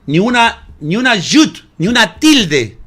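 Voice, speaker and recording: A man's voice: high-pitched, big pitch swings, a little slow, a bit bright. A man preaching a sermon as pastor, emphatic and full of rhetorical questions to his listeners. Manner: emphatic preaching, calls listeners "hermano" often; asks the audience rhetorical questions.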